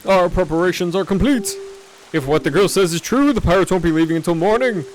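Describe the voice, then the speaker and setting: A man's voice: high voice, brisk, a little hiss or hum, close to an everyday voice, poor audio. A man voicing a solemn commanding island chief.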